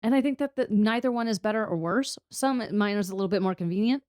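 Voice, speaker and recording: A woman's voice: medium pitch, quick pace, darkish tone, dry recording. A woman co-hosting a chatty podcast, wandering from thought to thought and breaking into laughter often. Her voice sits in an ordinary middle range and comes through dry and close on the mic. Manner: rambling, laughs often, swears casually. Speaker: podcast co-host. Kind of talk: casual chat.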